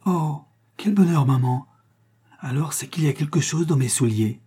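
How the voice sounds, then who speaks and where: An eager little boy chatters breathlessly in a raised, bright register, as a male storyteller puts him on. The voice keeps a husky, mellow grain underneath, as in a read-aloud storybook. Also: a little high, animated, normal speed, voice pushed up. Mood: excited. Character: small excited boy on Christmas morning.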